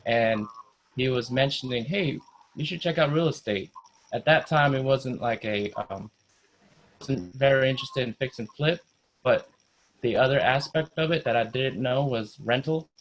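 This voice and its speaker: A man's voice: medium pitch, moderate pace, slight background noise, rough recording. A man in his thirties from Indonesia, a guest investor telling his story in an easygoing way on a video call. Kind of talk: casual video call chat.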